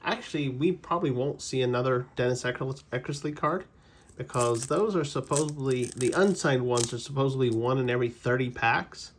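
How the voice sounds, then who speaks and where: Here a card-collecting channel host talks fairly quickly in a mid-range voice while he opens trading card packs, with slight background noise. It's relaxed, chatty commentary full of rambling player trivia and self-corrections.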